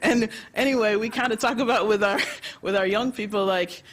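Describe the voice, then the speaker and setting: Speaking in a mid-range voice at a moderate pace, a nonprofit executive director from the United States talks on a conference panel. She's animated and chatty, laughing a lot and using many fillers.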